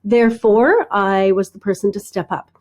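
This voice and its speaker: A middle-aged woman talking as a podcast guest, telling animated stories, acting out bits of dialogue and often checking in with "right?". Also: mid-range voice, moderate pace. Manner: animated storyteller, acts out dialogue, frequent "right?". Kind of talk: conversational interview.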